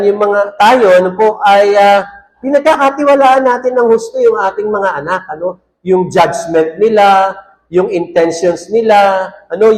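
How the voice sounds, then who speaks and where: A man's voice: high-pitched, a little mellow, low-quality recording. A male pastor preaching a sermon who keeps checking in with the congregation and reads verses aloud in English. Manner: keeps asking the congregation "ano po?"; mixes English quotes and phrases into his preaching.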